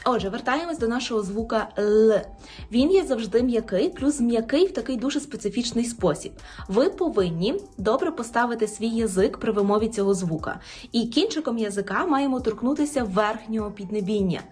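Husky woman teaching pronunciation. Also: fairly high pitch, animated, a little mellow, faint music behind. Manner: slow, drawn-out repetition of example words; clear instructional delivery. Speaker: Polish language teacher. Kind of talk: pronunciation lesson.

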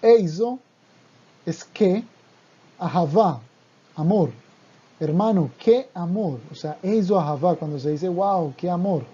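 A man's voice: high-pitched, slow pace, long pauses, mellow, husky. A man teaching a language lesson, patiently explaining song lyrics word by word and repeating each term. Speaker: Hebrew teacher. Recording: dull lo-fi recording.

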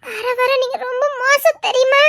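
A woman's voice: very high voice, fairly even intonation, moderate pace, fairly bright tone, dry recording, clean studio sound. [name], a woman playing a coy stammering young clerk. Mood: coy protesting. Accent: Tirunelveli Tamil. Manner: stammering, protesting playfully. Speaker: office employee. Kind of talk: village web-series acting.

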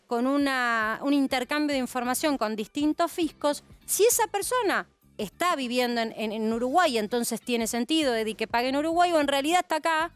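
In a studio news panel, a woman in her thirties with an Argentine Spanish accent acts as host, explaining through rhetorical questions. Her high voice carries lively intonation at a normal, smooth pace, with faint music in the background.

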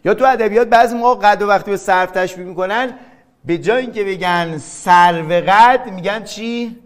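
Man teaching, slowing on key terms. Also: high voice. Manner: explains by asking and answering his own questions; stretches key terms slowly, word by word. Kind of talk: classroom lecture.

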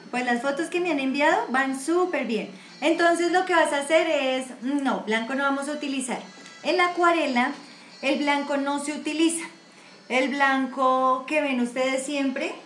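A Colombian-accented painting teacher hosts a live online watercolor class, chatting, encouraging everyone and using many diminutives. Her high-pitched, slightly bright voice moves at normal speed. The roomy sound, with faint music behind, comes from a computer mic on her video stream.

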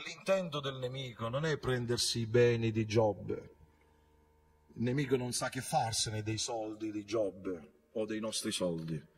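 A man preaching a fervent church sermon in a middle-pitched voice. He swells from quiet, drawn-out phrases to loud, high, ringing calls and back again. He keeps turning to the congregation with rhetorical questions. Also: a little hiss or hum. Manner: fervent preaching with big swings in loudness and pitch. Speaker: pastor. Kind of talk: Pentecostal sermon. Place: church service.

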